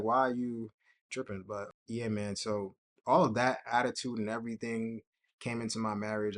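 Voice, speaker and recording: Young male host, low-pitched, easygoing chatty delivery with frequent laughs. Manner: relaxed, conversational, laughs often, acts out quotes. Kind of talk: casual personal talk to camera.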